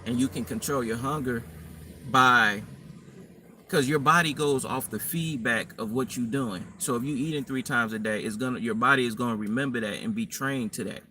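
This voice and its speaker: A man's voice: medium pitch, moderate pace, sharp tone. A man giving blunt, profane, rambling advice in casual slang, talking directly to his viewers. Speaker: dating and fitness vlogger. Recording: distant mic with faint room noise.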